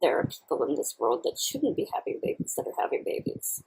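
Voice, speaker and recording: Husky, animated woman chatting while chewing. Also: low-pitched, poor audio. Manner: candid, halting, reflective. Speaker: vlogger. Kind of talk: casual personal chat to camera while eating.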